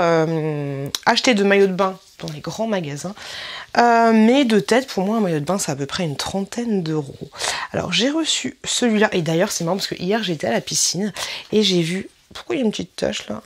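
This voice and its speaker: A woman, chatting casually in a try-on vlog, often correcting herself and filling pauses. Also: medium pitch. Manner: chatty, self-correcting, many fillers. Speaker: vlogger reviewing swimsuits.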